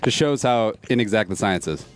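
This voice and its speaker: A man's voice: on the low side, animated, brisk, faint music behind. A man hosting a casual sports talk show, joking and sarcastic. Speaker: sports radio host.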